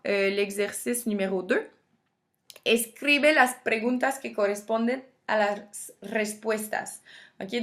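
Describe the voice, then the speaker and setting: A woman with a Québécois French accent teaching a Spanish lesson, patiently explaining each point and repeating it in two languages. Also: medium pitch. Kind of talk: bilingual classroom lesson.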